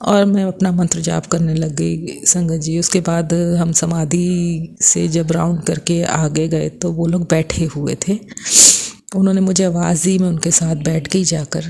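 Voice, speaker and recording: A woman in her forties with a Punjabi accent tells a devotional testimony in a low, mellow voice. She keeps her delivery level, with little rise or fall. She earnestly addresses the congregation again and again. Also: little pitch movement, measured pace, vocal fry, slightly rough.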